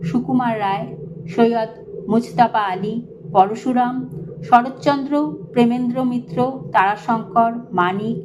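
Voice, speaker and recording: Woman reading an essay in measured phrases. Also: fairly high pitch, steady tone, noisy background. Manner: measured, phrase-by-phrase delivery with pointed emphasis. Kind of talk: read-aloud essay narration.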